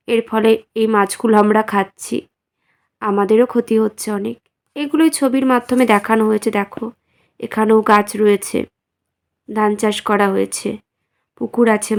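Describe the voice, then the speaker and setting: A woman teacher who is feeling unwell explains a science lesson slowly and simply, asking her students questions and answering them herself. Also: on the high side. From West Bengal, India. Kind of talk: slow, simple classroom explanation.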